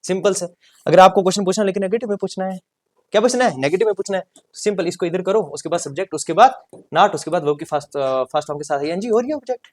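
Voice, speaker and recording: A man's voice: sits high, fast. Chatty, joking male grammar teacher. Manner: chatty and joking, with lots of rhetorical questions to students; animated, swinging between loud coaxing and soft asides. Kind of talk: exam-prep grammar lesson.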